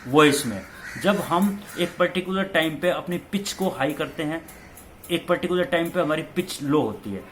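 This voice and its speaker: A man's voice: a little high, expressive, normal speed, slight background noise. A male teacher talking students through multiple-choice answers, repeating key terms and slipping in English phrases. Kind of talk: exam-question lecture.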